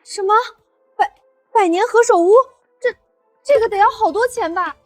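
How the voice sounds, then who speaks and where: An actress playing a petty young granddaughter who mocks a gift, speaking quickly. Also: female voice, very high-pitched, darkish tone, no room sound, soft background music. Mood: stunned. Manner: mocking, quick. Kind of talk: short drama acting.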